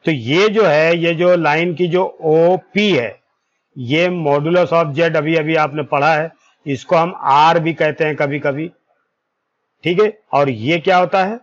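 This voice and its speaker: Working at a very slow, deliberate pace, a man teaching maths at a whiteboard draws out formula terms and pauses often with "ठीक है" to check his students are with him. His voice is somewhat high, he fixes a slip aloud partway through a formula, and the audio is dull and lo-fi.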